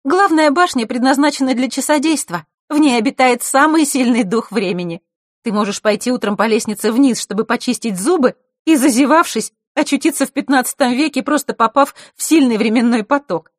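A woman's voice: sits high, fairly quick, no echo, clean studio sound, voice pushed up. A woman voicing a proud, hot-tempered girl from a family of timekeepers, talking sharply and bossily. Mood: lively. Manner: sharp, bossy, snorting retorts.

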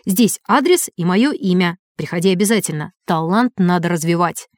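A woman's voice: fairly low pitch, animated, normal speed, darkish tone, no echo, clean studio sound, close to an everyday voice. Woman playing a stern fatherly race judge. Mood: firm.

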